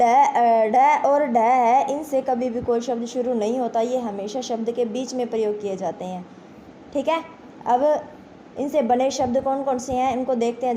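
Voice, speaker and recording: A woman's voice: on the high side, mellow, slight background noise. A woman teaching a grammar lesson to exam students, explaining step by step, asking questions and answering them herself. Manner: addresses pupils as children, repeats "ठीक है".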